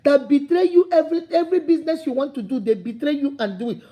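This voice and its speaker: Talking fast in a high, mellow voice, a Nigerian-accented motivational speaker delivers an impassioned message. She hammers her points through repetition in a preachy manner, climbing to emphatic calls.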